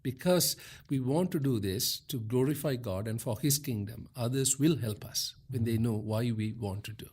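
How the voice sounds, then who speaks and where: A man giving conversational advice as a podcast guest and coach, explaining in halting phrases. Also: mid-range voice, darkish tone, slightly rough.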